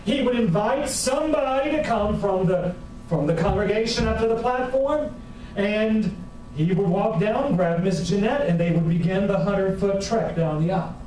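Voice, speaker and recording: High-voiced pastor preaching in an echoey church. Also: male voice, slight background noise. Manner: folksy, humorous, animated preaching. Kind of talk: sermon with storytelling. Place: church sanctuary with a congregation. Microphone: far camera at the back of the room. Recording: very echoey church hall from far off.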